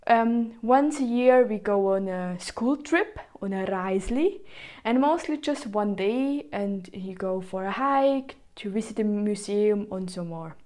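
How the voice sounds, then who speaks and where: A woman from Switzerland with a Swiss German accent hosts a chatty solo podcast in halting, non-native English, often repeating herself. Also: medium pitch, a little mellow. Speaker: podcast host.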